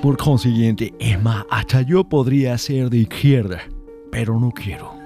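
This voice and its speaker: A pompous politician addressing the chamber, as a man mimics him for a comedy bit. He speaks slowly and formally in a mid-range voice, with loud music playing behind. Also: medium pitch, voice pushed down, lightly acted.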